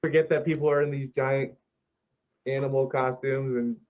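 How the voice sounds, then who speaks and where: A man chatting casually as an interview guest, laid-back and halting, leaning on filler words, on dull lo-fi audio. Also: mid-range voice, little pitch movement. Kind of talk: casual chat.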